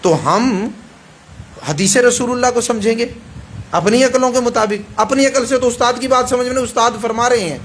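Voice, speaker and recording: A man's voice: extremely high pitch, slight background noise. A male preacher with a Pakistani Urdu accent gives a hadith sermon in an emphatic way, repeating phrases and checking that the audience agrees.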